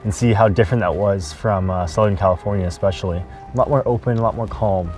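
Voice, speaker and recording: A man with a low voice reflects on a trip in casual, halting sentences and searches for words. Soft music plays under him. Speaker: guest explorer on a travel series.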